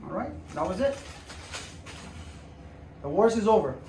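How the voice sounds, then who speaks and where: Very animated yet measured in pace, this male doctor has a mellow, higher-pitched voice. He casually reassures the patient and viewers through a hand procedure, repeating himself while he demonstrates. The clinic room is roomy and echoey, heard through a distant mic with background noise.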